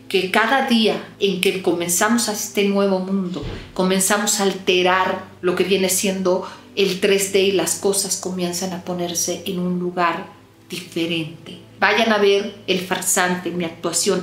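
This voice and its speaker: A woman giving an emphatic, preachy motivational talk to her viewers as a self-help coach. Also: reverberant. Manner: emphatic, preachy, quick swings in pitch.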